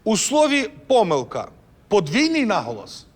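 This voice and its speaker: High, animated male quiz host. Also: normal speed. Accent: Ukrainian. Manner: jokey, theatrical, punning. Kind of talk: playful quiz hosting. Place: TV studio with audience. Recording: studio with long reverb and audience noise.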